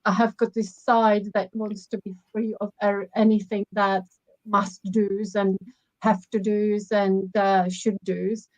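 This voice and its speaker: A woman's voice: mid-range voice, little pitch movement, takes it slowly, darkish tone, no echo, dull audio. A woman from the Republic, a guest photographer speaking in a reflective, hesitant way with many fillers. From Czech Republic. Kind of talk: casual interview.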